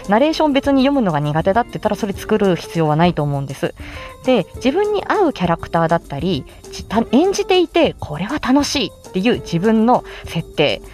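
With a darkish tone and a mid-range pitch, a woman's androgynous voice delivers relaxed, chatty live-stream advice. She is an amateur voice actor walking through how to make voice samples.

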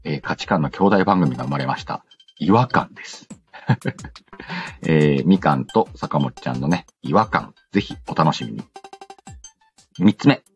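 With a deep bass voice, this animated host reads listener letters at a moderate pace, leaving long pauses and answering with playful retorts. The audio sounds dull, with soft music in the background of his casual radio-style show.

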